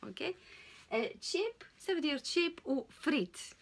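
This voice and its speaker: Brief: woman, English tutor, slightly high voice, lots of hesitations, repeats example words slowly. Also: very animated. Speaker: English teacher. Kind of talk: casual spoken lesson.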